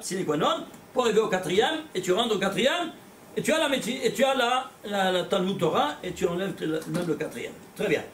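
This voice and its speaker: A man teaching a religious class, animated and blunt, firing rhetorical questions at his students and repeating words as he goes. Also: very high voice, slight background noise. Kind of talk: lively religious lecture to a small class. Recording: echoey room, voice from far off.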